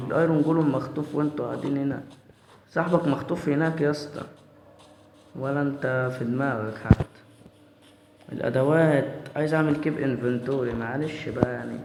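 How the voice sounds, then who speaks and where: A man with an Egyptian Arabic accent giving excitable live commentary over his own gameplay, repeating his words and shouting orders at the screen. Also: mid-range voice, fast talker. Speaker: gamer. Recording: echoey room with clear background noise.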